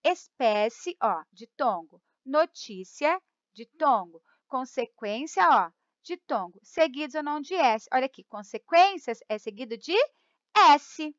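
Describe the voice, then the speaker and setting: Brazilian woman teacher, high and animated, dry lo-fi sound, drills rules patiently. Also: no echo. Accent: Brazilian Portuguese. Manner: explains slowly, repeats rules, stretches key words; keeps checking in with "tá?" and "ó". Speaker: Portuguese teacher. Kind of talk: grammar lesson.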